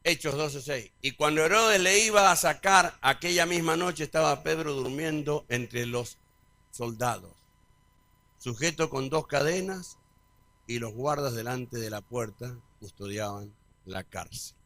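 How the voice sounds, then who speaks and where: Man preaching, bright ringing tone, dry close sound, call-and-response delivery. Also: medium pitch, a little slow, no room sound. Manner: call-and-response preaching, big swings in loudness. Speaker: pastor. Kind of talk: sermon.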